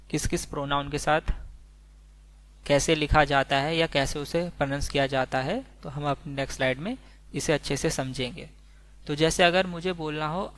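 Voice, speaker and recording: A man with an Indian accent teaching a beginners' language lesson from slides, repeating each example slowly. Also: a little high, fairly bright tone. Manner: slow, repetitive, spells out each example twice. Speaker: Spanish teacher.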